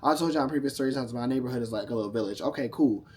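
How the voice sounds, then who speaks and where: A man's voice: mid-range voice, very fast, husky. A tipsy man telling a casual, profane story to camera, sassy and rambling, often losing his thread. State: drunk, tipsy.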